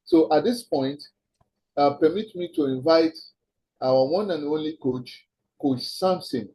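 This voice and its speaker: A man with a Nigerian accent hosting an online health talk, giving earnest advice with many pauses and repeated warnings. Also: on the high side, warm tone, breathy edge, rough recording.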